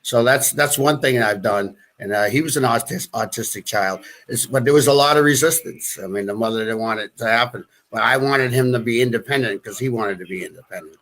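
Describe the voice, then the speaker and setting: A man's voice: medium pitch, brisk, hardly any pauses, a bit bright. A middle-aged man with a New England accent talks in a casual live-stream chat. He circles and restarts his sentences and scatters fillers and small chuckles as he goes. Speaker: guest.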